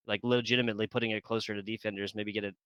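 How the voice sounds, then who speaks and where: A man calling a video game football match as play-by-play commentator, chatty and quick to laugh. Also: lowish voice, little pitch movement, a bit bright, clear, resonant tone, dry recording, highs cut off. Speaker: esports commentator.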